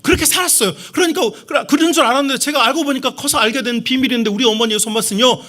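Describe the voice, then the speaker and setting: A middle-aged man preaches a sermon with emphatic force, turning to address the congregation again and again. His voice is high-pitched and bright, with a keen, ringing edge. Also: racing. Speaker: pastor.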